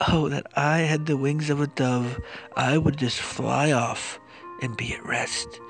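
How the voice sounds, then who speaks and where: A man reads scripture as dramatized biblical narration, solemn and impassioned. His voice sits somewhat high for a man and moves at a slow, weighty pace, with music playing behind it. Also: fairly bright tone. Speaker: scripture reader.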